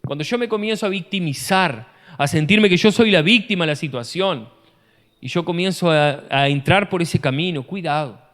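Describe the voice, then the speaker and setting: A man, a pastor preaching an animated sermon full of rhetorical questions, recorded in a church hall. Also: fairly high pitch, normal speed. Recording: long church-hall reverb.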